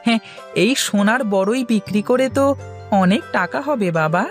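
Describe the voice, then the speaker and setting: A woman's voice: mid-range voice, normal speed, soft background music, lightly acted. A woman voicing a good-hearted young village boy in a cartoon, talking earnestly and eagerly. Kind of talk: cartoon voice acting.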